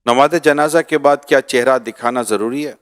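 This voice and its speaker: A man reading out religious questions to a scholar in a plain, steady way. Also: mid-range voice.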